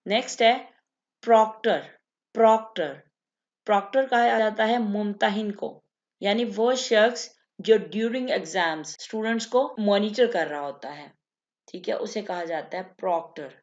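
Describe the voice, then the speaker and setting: A woman teaching English vocabulary, repeating each word and explaining it slowly. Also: medium pitch, lo-fi sound. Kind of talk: vocabulary lesson.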